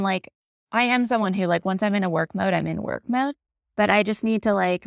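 A woman's voice: medium pitch, vocal fry, dry recording. A woman giving a reflective tarot reading in a casual, rambling monologue, earnest and heartfelt, often checking in with "right?". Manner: heartfelt, close to tears at times. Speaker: tarot reader.

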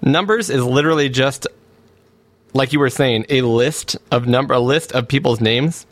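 A man's voice: medium pitch, normal speed, no room sound. A man co-hosting a retro gaming podcast, chatting casually, joking and laughing often. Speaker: podcast co-host. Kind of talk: casual chat.

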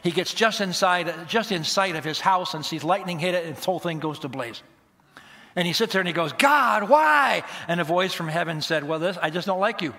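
Male pastor, bright ringing voice, emphatic sermon delivery, slightly high. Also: fairly quick. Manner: emphatic, swings between loud stresses and quiet asides.

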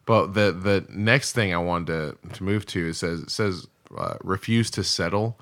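A man's voice: sits low, moderate pace, fairly bright tone. A man in his thirties co-hosting a podcast, talking candidly and rambling, swearing and laughing often. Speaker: podcast co-host. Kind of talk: casual chat.

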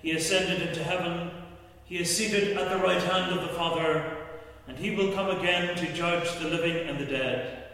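A man leading a church service, reciting the creed and prayers in a steady, measured way, his voice ringing in a cathedral echo. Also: high-pitched. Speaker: service leader. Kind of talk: liturgical recitation. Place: large church. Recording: echoey church from far off.

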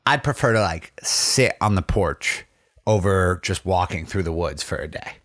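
A man's voice: sits low, animated, normal speed, fairly bright tone, no echo, clean studio sound. A man co-hosting a podcast, chatting casually in a laid-back, wry way. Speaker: podcast co-host. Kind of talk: casual chat.

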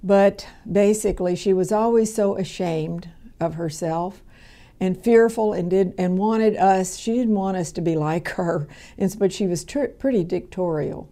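A woman, talking through a radio Bible lesson in an easy, conversational way. Her voice is mellow and soft-edged, sitting at an ordinary pitch for a woman. She wanders a bit, doubling back with fillers and restarts as she goes. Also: moderate pace. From Kentucky, USA. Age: 70s. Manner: rambling, with frequent fillers and restarts.

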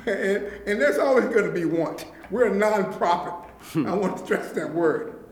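A man's voice: high-pitched, expressive, moderate pace. Man, nonprofit leader, grateful and earnest, public meeting remarks, echoey meeting room. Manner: earnest, grateful, often checks in with "okay?". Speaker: nonprofit leader addressing county officials.

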